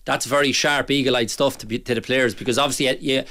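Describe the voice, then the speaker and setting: A man's voice: medium pitch, fairly even intonation, fast talker, sharp tone. A man chatting casually as a football pundit in a radio studio.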